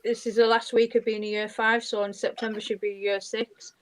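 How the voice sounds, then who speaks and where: A woman's voice: fairly high pitch, little pitch movement, fairly quick, poor audio. A woman hosting a casual group chat, telling stories with many hesitations and greeting viewers.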